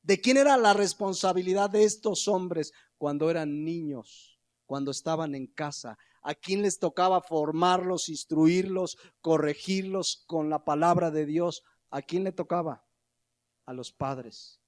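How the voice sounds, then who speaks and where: A man's voice: on the high side, unhurried. A man with a Mexican accent preaching a sermon as pastor, conversational and often putting questions to the congregation.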